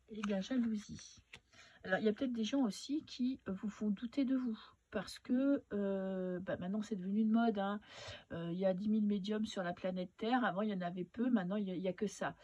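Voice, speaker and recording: Husky woman with a weak, tonsillitis-sore voice. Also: mid-range voice, warm tone, lo-fi sound. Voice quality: husky, not very powerful. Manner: hesitant, halting, advising listener directly. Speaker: tarot reader and medium. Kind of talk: casual spoken tarot reading.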